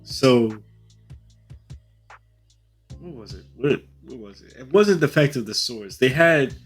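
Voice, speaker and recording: A young man co-hosting a casual podcast chat, talking through a stuffy, congested nose, animated and joking, laughing often. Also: medium pitch, slow, faint music behind. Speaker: podcast co-host.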